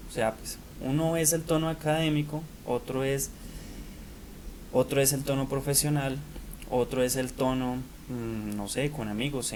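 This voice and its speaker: A man's voice: medium pitch, a little mellow, slight background noise, poor audio. A man giving a recorded online lesson, talking in a hesitant way with many fillers and restarts. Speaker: teacher.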